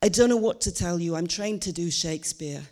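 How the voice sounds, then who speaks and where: A stage-trained woman talks to a live audience in a slightly low voice. She moves easily between loose, chatty remarks and grand theatrical delivery, like a comedian who knows how to hold a room. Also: fairly quick, darkish tone. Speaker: stage performer. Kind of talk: stand-up stage monologue.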